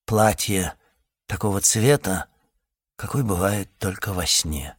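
A man's voice: sits low, slow pace, husky, no echo. Man narrating an audiobook, dry sound. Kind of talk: scripted narration.

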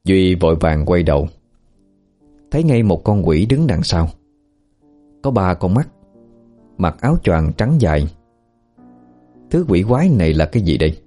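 A man narrating a horror story in a slow, grave storytelling manner. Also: low voice, sing-song, dark tone. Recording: faint background music.

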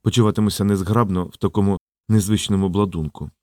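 A man voicing a humble, gentle old male robot in an audiobook, speaking softly and self-effacingly. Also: on the low side, fairly even intonation, fast, no room sound, studio quality, voice pushed down, lightly acted.

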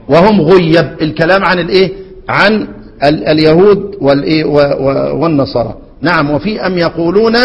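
Egyptian Arabic male teacher, high voice, quizzing his class and reciting verses slowly, long hall reverb. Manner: questioning students, answering his own prompts; slow measured recitation of quoted verses. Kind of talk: classroom lesson explaining a classical text.

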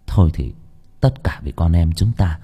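A man narrating an audiobook story in an expressive storytelling manner. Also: deep voice, normal speed, vocal fry, slightly rough.

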